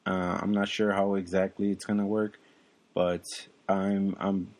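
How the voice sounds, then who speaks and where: A young man talks casually as a podcast co-host. His voice sits low, and he rambles along, filling pauses with ums and uhs. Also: little pitch movement, a little mellow. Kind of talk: casual chat.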